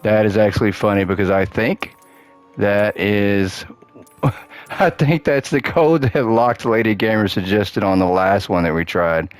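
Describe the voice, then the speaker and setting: Faint music plays behind a gaming host whose lowish, smooth voice is animated yet measured, recorded with no echo. Thinking aloud as he plays, he keeps the commentary chatty and cheerful even as his voice cracks and fades.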